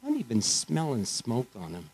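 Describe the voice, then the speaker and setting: A man giving an informal, earnest testimony in church, halting and restarting often as he speaks. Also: medium pitch, huge pitch swings, a little mellow, husky, low-quality recording. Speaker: church member sharing.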